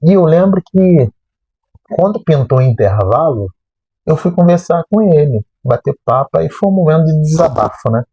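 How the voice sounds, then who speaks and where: Husky, mellow man from Rio. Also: a little high, normal speed, no echo, rough recording. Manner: lively storyteller who acts out remembered dialogue. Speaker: math teacher and channel host. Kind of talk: personal motivational storytelling.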